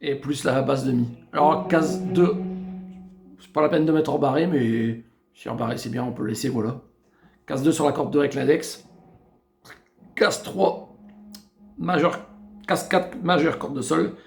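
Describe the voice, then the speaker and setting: A man's voice: fairly high pitch, vocal fry. A man teaching guitar, explaining chords step by step and counting beats as he plays. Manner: slow step-by-step explaining, counting beats and singing snatches while playing. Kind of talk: guitar tutorial. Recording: echoey room with loud guitar.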